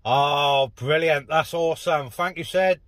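Sitting in his car on an open moorland car park, a British vlogger and CB radio operator makes casual radio and vlog chat. His voice is on the high side and measured, with faint noise in the background.

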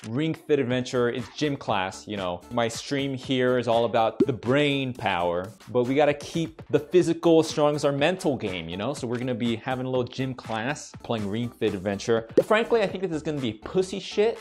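A man's voice: medium pitch, moderate pace, hardly any pauses, a little mellow. A man streams a fitness game from home, talking casually in a mid-range voice. He jokes and swears a lot, sounding exasperated. Faint game music plays underneath. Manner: profane, joking, exasperated. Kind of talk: casual live-stream commentary. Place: home, second floor.

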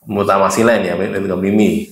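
A man's voice: low-pitched, steady tone, normal speed, echoey room. A man with a Javanese accent teaching Quran reading at a religious study, explaining patiently and chanting letters aloud. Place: mosque.

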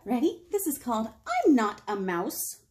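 A fairly high, slightly mellow woman's voice swoops wildly in pitch at a moderate pace. She's an American children's librarian in her thirties running storytime in a small indoor room with a painted wall, chatting in simple phrases and asking the children questions.

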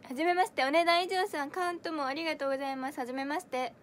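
A young Kansai woman in her twenties, an idol audition livestreamer, chats casually on a livestream, answering viewer comments in a giggly way full of fillers. Her voice sits high with a steady tone, and she talks very fast. There's a little hiss or hum in the recording.

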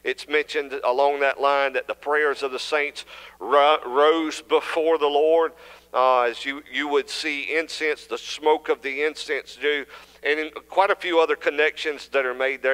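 A young man with a Southern US accent preaches an earnest sermon from a church pulpit, his voice fairly high, sharp, clear and resonant. The hall's reverb carries it as he builds in intensity and keeps restarting his phrases.

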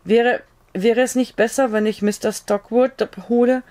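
A woman's voice: medium pitch, animated, moderate pace, a little mellow, lightly acted. A woman voicing an anxious young pioneer wife who speaks worriedly and stammers in an audiobook reading. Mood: stammering.

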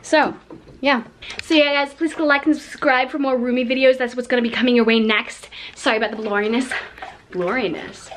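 A woman's voice: sits high, steady tone, a little fast, slight background noise. A young woman chatting casually to camera in a vlog, giggly and talkative. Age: young adult. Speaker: vlogger.

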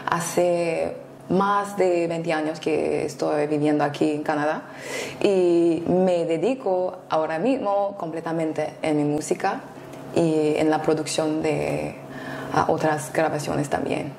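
Low-voiced young woman from Congo, slow. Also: fairly even intonation, creaky, roomy sound, a little hiss or hum. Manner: soft-spoken, hesitant, many fillers. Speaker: singer, interview guest. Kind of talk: interview answers. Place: small indoor studio, seated.

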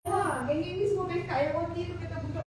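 A woman with a Malaysian accent chats casually in mixed languages at a high pitch. The sound is very echoey and distant, with clear street noise behind her. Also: fairly even intonation, quick pace. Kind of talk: casual chat mixing languages. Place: shophouse entrance and interior on a street. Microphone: handheld camera from some distance.

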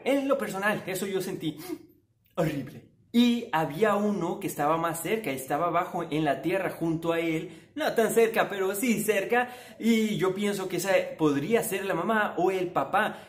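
High-voiced playful man. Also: a little mellow. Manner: playful, chatty, jokey. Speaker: vlogger. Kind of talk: casual vlog talk to viewers. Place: at home during quarantine. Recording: echoey room.

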